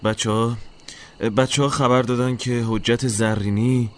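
A man's voice: medium pitch, fairly even intonation, a little hiss or hum, lightly acted. An actor playing a loyal soldier in a war drama, who hesitates and stammers as he speaks. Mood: hesitant. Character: loyal male soldier, reluctant bearer of bad news.

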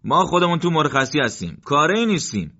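A man's voice: a little high, big pitch swings, pushed and bright, voice pushed up, exaggerated voice. A man voicing a prank-loving male soldier who teases and orders his comrades about, on a dull lo-fi recording. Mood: teasing. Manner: teasing, bossy.

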